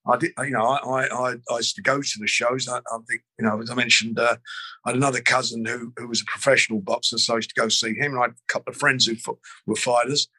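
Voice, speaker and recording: Older man, husky and close-miked, rambling guest recalling the past. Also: medium pitch, flat delivery, fast, bright, forceful tone, no room sound, low-quality recording. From London. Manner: rambling, frequent restarts and fillers. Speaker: boxing promoter. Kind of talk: interview, reminiscing.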